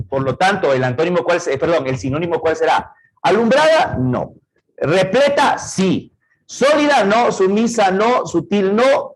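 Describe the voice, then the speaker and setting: Ecuadorian man, middle-aged, teacher, somewhat high voice, explains synonyms step by step, asks little checking questions. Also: poor audio. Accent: Ecuadorian Spanish. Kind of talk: verbal reasoning lesson.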